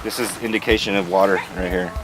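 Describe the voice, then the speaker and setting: Fast-talking man explaining wildlife outdoors. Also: low-pitched, steady tone. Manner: eager, explanatory. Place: outdoors in desert valley wetland. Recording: loud outdoor noise.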